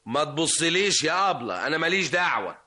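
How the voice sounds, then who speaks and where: A man's voice: on the high side, sing-song, fast, pushed and bright, heavily acted. An actor playing a cheeky, teasing young man in an old Egyptian radio drama, with an Egyptian accent. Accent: Egyptian Arabic. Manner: teasing, coaxing. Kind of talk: vintage radio drama acting.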